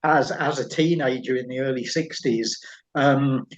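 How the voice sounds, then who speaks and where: A man's voice: medium pitch, fairly even intonation, measured pace, low-quality recording. A middle-aged man with an East Midlands Derbyshire accent, discussing films casually in a hesitant, thoughtful, enthusiastic way, often repeating words as he builds a point. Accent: East Midlands English, Derbyshire. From Derbyshire, England. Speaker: film writer, podcast panellist.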